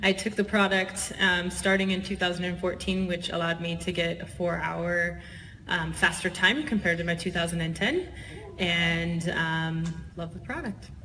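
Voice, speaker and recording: A woman's voice: on the low side, fairly even intonation, normal speed, noisy background. A woman speaking briefly on an athlete panel, with a few fillers. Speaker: panelist, triathlete. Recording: reverberant event hall.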